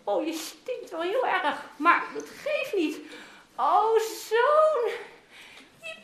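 A woman playing a loving older father who longs for his lost son, telling a Bible story to children in an animated, coaxing way. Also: very high-pitched, drawn-out words, slight background noise, exaggerated voice. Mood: overjoyed. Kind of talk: interactive Bible story role-play for children. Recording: roomy echoing room.

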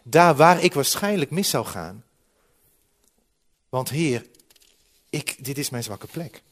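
A man preaching a sermon with slides, lively and humorous, often dropping from loud to quiet. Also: medium pitch, slow pace. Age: 40s.

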